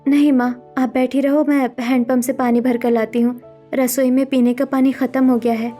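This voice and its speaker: A meek young sister answers softly and patiently in a high voice, voiced by a woman. It is a cartoon story with faint music behind her. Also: little pitch movement, normal speed, close to an everyday voice. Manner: soft-spoken, submissive, sorrowful.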